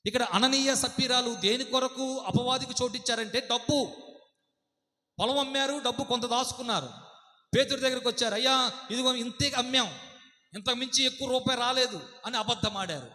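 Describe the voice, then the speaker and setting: Telugu pastor guy preaching hard, sharp bright voice, long reverb like a big hall. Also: very high voice, brisk. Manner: fervent, preaching with rhetorical questions. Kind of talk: sermon.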